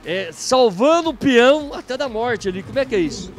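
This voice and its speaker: High-pitched hyped Brazilian rodeo announcer man. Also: animated, fairly quick, soft background music. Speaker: rodeo TV presenter and interviewer. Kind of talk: live event reporting and interviews. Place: at a rodeo festival, in booths and outdoor stalls. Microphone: handheld microphone.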